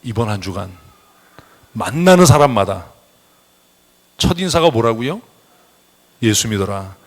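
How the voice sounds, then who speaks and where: A man's voice: on the low side, very animated, measured pace. Blunt scolding male pastor. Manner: blunt, scolding, calls for amen responses. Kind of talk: sermon. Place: church sanctuary.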